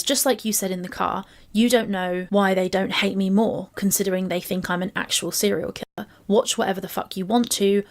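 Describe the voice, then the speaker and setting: A woman commenting on a couple's text messages, reading quotes aloud and analysing them in a measured, analytical way. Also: mid-range voice. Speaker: commentary channel co-host.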